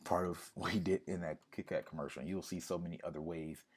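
A man's voice: deep voice, fairly even intonation, fast, breathy edge. A man losing his voice, giving a casual talk on music branding and repeating key points for emphasis. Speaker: music marketing consultant. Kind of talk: casual explainer to camera.

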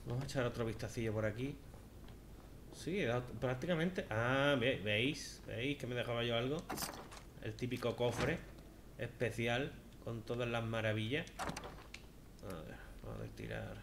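A man with a Spanish accent from Spain, giving chatty, sarcastic let's-play commentary with sudden loud outbursts. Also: medium pitch, moderate pace, vocal fry, noisy background. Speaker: gaming video host. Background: game music.

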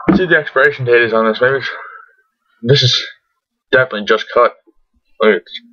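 A young adult man reviews tobacco products, chatting casually to camera from a small indoor bedroom in a laid-back, sweary, rambling way. His mid-range voice is brisk, and a lip full of dip slightly muffles his words. A computer webcam at arm's length picks him up with dull lo-fi audio and background noise.

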